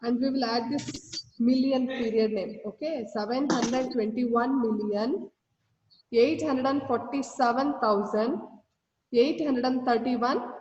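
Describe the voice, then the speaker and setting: Woman teacher, Indian English accent, slow and patient, roomy distant call audio with faint noise. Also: on the high side, a little mellow, muffled recording. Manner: slow, repetitive, patient explaining. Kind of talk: online math lesson. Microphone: video call.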